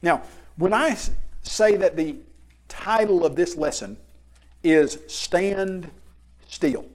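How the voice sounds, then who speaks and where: A man teaching a Bible lesson in a conversational way, slowing down to stress key words. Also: high voice, darkish tone.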